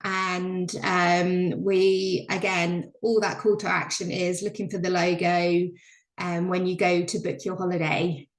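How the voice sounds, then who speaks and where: A woman's voice: on the low side, flat delivery, unhurried. Woman, on a video call, enthusiastic, filler-heavy, echoey room. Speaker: presenter on a member call. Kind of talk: casual business update.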